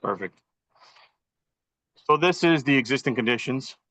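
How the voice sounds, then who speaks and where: A professional engineer joins a public meeting by video call over poor Wi-Fi and methodically walks attendees through a site plan as a formal presentation. His mid-range voice is bright and forceful, with lively intonation and an unhurried pace. The computer audio sounds dull, lo-fi and dry.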